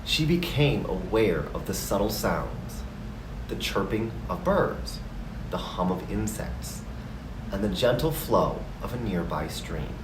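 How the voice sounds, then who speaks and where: A man narrating a scripted story slowly, in a calm, gentle and measured manner. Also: fairly low pitch, reverberant, distant mic, background noise.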